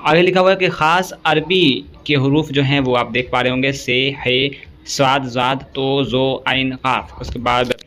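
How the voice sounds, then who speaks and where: A male teacher giving an exam-prep grammar lesson. He recites long lists item by item at an even pace and keeps checking in with a quick "okay". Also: mid-range voice.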